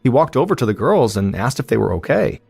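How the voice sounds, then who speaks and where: A man hosting a podcast, telling a true-crime story in measured, suspenseful scripted narration. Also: mid-range voice, sing-song, gravelly, a little mellow, breathy edge, no echo, soft background music. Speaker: podcast host.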